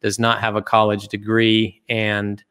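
A man's voice: on the low side, completely flat delivery, fairly bright tone, clear, resonant tone. A middle-aged man from Utah, a guest in an interview, speaking reflectively with frequent restarts. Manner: reflective, halting with many restarts. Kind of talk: casual interview talk.

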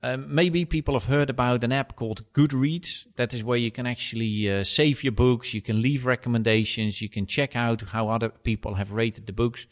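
A man's voice: mid-range voice, fairly even intonation, normal speed, few pauses. A man with a Dutch accent answering conversationally as a podcast guest, direct and instructive. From Netherlands. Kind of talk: conversational interview.

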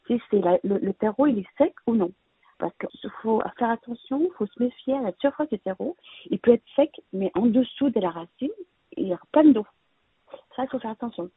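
Her voice is mid-range and slightly rough as this guest expert, a France-based interior plant decorator of Vietnamese heritage, gives plant-care advice. She speaks hesitantly, with frequent fillers and restarts. The recording is dry, without echo, and narrow like a phone.

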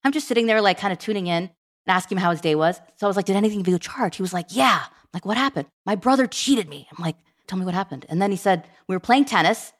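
A middle-aged woman speaks as a guest on an interview podcast. She talks quickly and tells her story in an animated way, acting out the lines of the people in it. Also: medium pitch. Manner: fast, animated storytelling with quoted dialogue. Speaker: guest, program management director.

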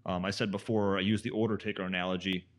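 A man's voice: low voice, flat delivery, fast. Man explaining mortgages in a chatty way. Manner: explanatory, many fillers like "you know" and "right". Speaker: mortgage expert guest. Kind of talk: casual podcast conversation.

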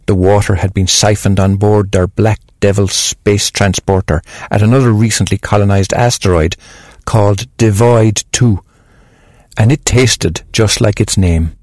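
A man hosting a show who reads short stories aloud in a calm, unhurried storytelling manner. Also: on the low side, dry recording, studio quality. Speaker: host and storyteller.

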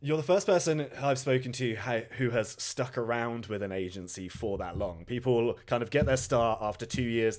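A man hosting a podcast interview in a croaky, froggy voice, recovering from a sore throat. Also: fairly low pitch. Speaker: podcast host.

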